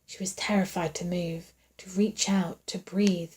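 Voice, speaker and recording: Hushed woman reading a horror novel. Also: on the low side, steady tone, measured pace. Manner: hushed, suspenseful, sometimes whispered. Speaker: audiobook reader.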